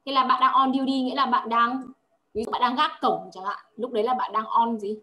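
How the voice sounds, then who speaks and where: A woman gives a one-on-one lesson in a fairly high voice. She explains patiently, repeats words for drilling and keeps checking that her pupil follows. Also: steady tone, brisk, bright, forceful tone. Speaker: English tutor.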